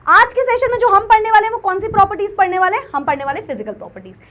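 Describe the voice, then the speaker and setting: A young woman teacher with a very high voice runs an online class. She teases her students playfully and keeps mixing English into her Hindi explanations. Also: animated, racing, a bit bright.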